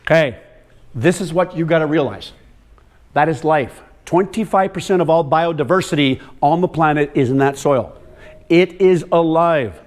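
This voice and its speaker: A man's voice: fairly high pitch, moderate pace. A man giving a lecture to a room of farmers, emphatic and direct, repeating words for stress and calling on the audience. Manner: addresses audience directly, walks and calls on them. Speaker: soil health speaker.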